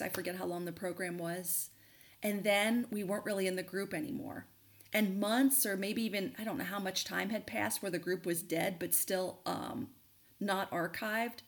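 A middle-aged woman hosting a podcast, candidly telling a personal story and giving advice in a conversational way with plenty of fillers. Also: mid-range voice. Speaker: podcast host and coach.

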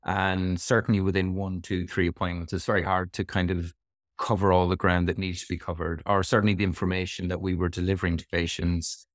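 A man's voice: low-pitched, level tone, a little fast, no echo, clean studio sound. A middle-aged man with a west of Ireland accent, explaining things reflectively as a guest in a conversational interview. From Sligo, west of Ireland.

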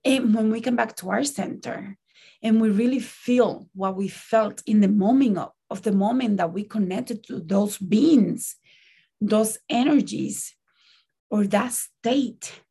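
A woman speaking earnestly about spiritual doubts in a reflective vlog, gently asking the viewer questions, her voice starting to give out. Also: on the high side, slow, vocal fry, slightly rough. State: losing her voice. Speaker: spiritual content creator.

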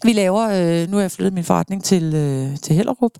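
Gravelly, mellow-voiced woman storyteller. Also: on the low side, expressive, no echo, studio quality. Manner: earnest storytelling. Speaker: podcast guest. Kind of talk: casual conversation.

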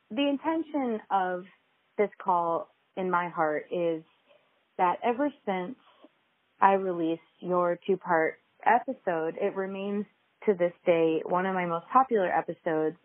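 A woman podcast host interviewing a guest, rambling and hesitant with frequent ums and restarts, recorded over a phone in low quality. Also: no room sound. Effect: low-quality recording made over a phone. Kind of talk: conversational interview. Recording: tinny phone-line recording.

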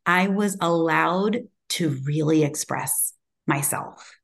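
A woman with a low, creaky voice speaks slowly as an interview guest, reflective and conversational. She comes across as self-assured and emphatic, her voice loud and strong.

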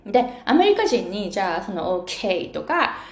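A woman's voice: mid-range voice, big pitch swings, a little slow. Woman coaching pronunciation, drags out sounds to show them, echoey room. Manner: demonstrates sounds by exaggerating them. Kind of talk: bilingual pronunciation lesson. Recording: roomy echo.

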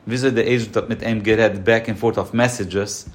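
A man's voice: on the low side, fairly even intonation, a little fast. Emphatic man explaining with examples. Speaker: guest, insurance advisor. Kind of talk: casual podcast conversation.

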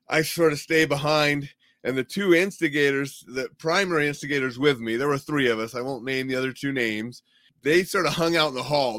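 A middle-aged man casually telling a personal story, animated and chuckling now and then as he goes. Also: medium pitch, no room sound, studio quality.

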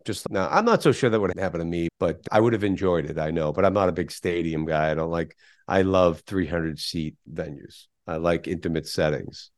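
A man's voice: deep voice, brisk, few pauses, dry recording, clean studio sound. A middle-aged man, a guest on a podcast interview, speaking emphatically and firing off rhetorical questions. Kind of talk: conversational interview.

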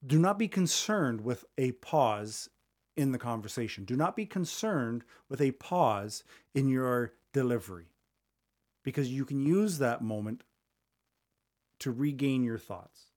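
A man hosting a solo podcast from a small studio, talking fast and conversationally into a studio microphone. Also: medium pitch, animated, a little mellow. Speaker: podcast host. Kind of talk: solo podcast advice talk.

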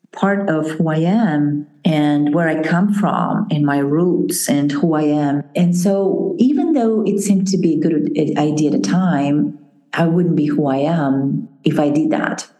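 A woman in her forties with a Kazakh accent hosts a solo podcast. Her voice is low and warm, and she speaks earnestly, often restarting a thought. She is recorded in a roomy, echoey space with faint music underneath. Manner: earnest, reflective, with frequent restarts and fillers. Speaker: podcast host.

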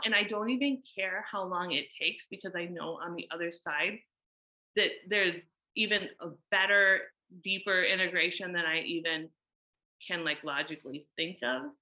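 A woman's voice: fairly low pitch, pushed and bright, dull audio. A woman in her thirties, a mother, talking candidly through a personal reflection with many fillers.

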